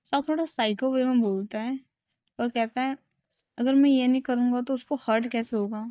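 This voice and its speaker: A woman's voice: fairly high pitch, moderate pace, mellow, dry recording. A woman casually retelling a fan story and speaking the characters' lines in her own voice, often stopping to restart. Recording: dry, dull lo-fi recording.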